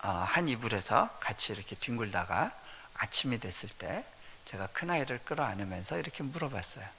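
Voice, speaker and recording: A revival-meeting sermon fills a reverberant church hall as a missionary preacher shares personal stories, often chuckling as he goes. His medium-pitched voice is sing-song, fairly quick, bright and forceful, with slight background noise.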